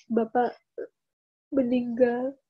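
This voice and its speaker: A woman's voice: a little high, little pitch movement, very slow, slightly rough, dry recording, phone-quality sound. A middle-aged woman giving a personal church testimony as a widow. She tells it earnestly and with feeling, acting out the voices she quotes. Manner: earnest, emotional storytelling that acts out quoted speech.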